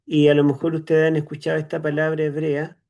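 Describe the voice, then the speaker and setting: A Chilean seminary teacher lectures on scripture to an online class in Chilean Spanish. His slightly high, gravelly, darkish voice has a completely flat delivery as he explains slowly, filling pauses with "eh" and using tag questions to check in. The sound is lo-fi.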